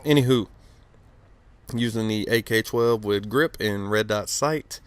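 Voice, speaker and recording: Outside his house in the cold, a late-20s man with a lowish voice offers rambling, casual gameplay commentary at a slightly slow pace, stuttering a little. He swears freely and leans on fillers while background noise is audible.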